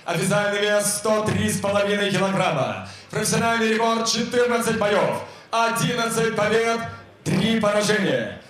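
Male boxing announcer, mature, high ringing voice, theatrical drawn-out introductions, echoing arena PA. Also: lively intonation, a bit bright. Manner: formal, theatrical, booming delivery. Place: fight ring in a covered arena. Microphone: handheld microphone.

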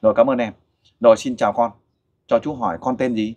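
A middle-aged man hosting a casual interview, coaxing and animated as he questions a child and a father. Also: mid-range voice, brisk. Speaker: host interviewer for a volunteer group.

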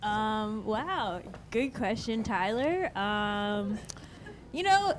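A woman's voice: mid-range voice, expressive, extremely slow, slight background noise. A woman from Northern Virginia, born in Pakistan, chatting casually and a bit hesitantly as a talk-show guest on a studio couch. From born in Pakistan, raised in Northern Virginia. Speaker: comedian guest. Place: TV studio set, seated on a couch. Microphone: handheld mic.

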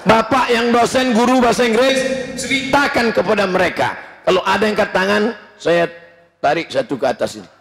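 A man preaching a humorous, lively sermon in a mosque, with bursts of shouting. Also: high-pitched, fairly quick, vocal fry. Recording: long reverb in mosque hall.

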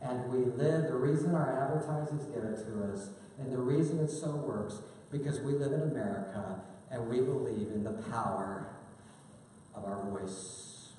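A man preaching a sermon as pastor of a church, earnest, dropping to near-hushed passages and rising to impassioned ones. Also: mid-range voice, normal speed. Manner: earnest, swings between hushed and impassioned delivery. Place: church sanctuary. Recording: echoey hall, distant mic, faint ambience.

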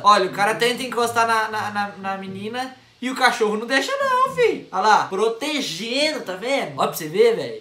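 A man with a Brazilian Portuguese accent giving chatty, excitable reaction commentary to his viewers. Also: high-pitched, reverberant. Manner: chatty, excitable, keeps telling viewers to look. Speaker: YouTuber reacting to videos.

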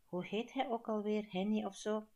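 A woman's voice: mid-range voice, fairly even intonation, mellow, muffled recording, pitched above the performer's own voice, natural voice. A Flemish woman reading an audiobook, voicing a timid middle-aged husband who stumbles and hesitates as he speaks. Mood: hesitant. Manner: hesitant, halting, with fillers.

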